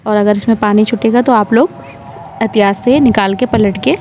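A woman's voice: medium pitch, normal speed, darkish tone, faint music behind. A woman hosting a home cooking tutorial, talking viewers through each step in a chatty way and often checking in with "theek hai". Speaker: cooking channel host. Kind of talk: recipe tutorial voice-over.

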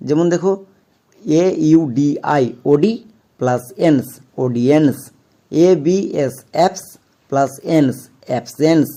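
A man's voice: a little high, a little slow, dark tone. A man teaching English pronunciation in a video lesson, spelling words out letter by letter and repeating key rules. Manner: methodical, spells letters out one by one; repeats key points for emphasis.

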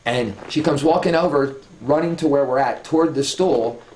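A man's voice: mid-range voice, moderate pace, a little mellow, slight background noise. A man telling a long story in a casual, profane way, rambling with many restarts and asides.

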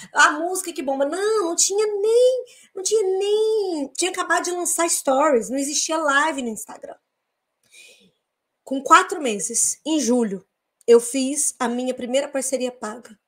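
Brazilian woman host, high voice, blunt and emphatic live talk. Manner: blunt, emphatic, swings between loud outbursts and quiet asides. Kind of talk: casual live talk to followers.

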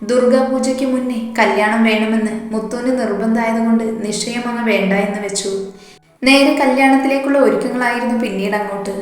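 A woman reads a romantic story aloud in a fairly high voice. She speaks the characters' lines in her own voice too. The room around her is very echoey. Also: steady tone, fairly quick. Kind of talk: scripted narration of a romantic story.

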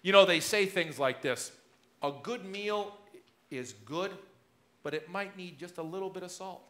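A man in his thirties preaching a sermon in a church sanctuary, his loudness rising and dropping as he gestures. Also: high-pitched, a little slow. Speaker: pastor. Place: church sanctuary before the altar.

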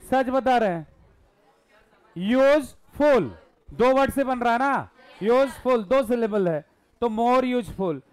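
A man's voice: extremely high pitch, expressive, measured pace, clear, resonant tone, no echo, a faint crowd. A male teacher giving a live classroom lesson, questioning and coaxing his students while mixing Hindi and English.

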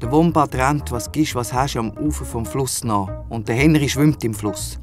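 A man's voice: mid-range voice, normal speed, over music. A man with a Swiss German accent narrating a children's audio drama in a playful, chatty way with little asides.

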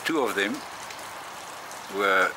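A man's voice: fairly low pitch, lively intonation. Man talking around a pipe, noisy. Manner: halting, many fillers and restarts. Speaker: pipe tobacco reviewer. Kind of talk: casual review. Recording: noisy background.

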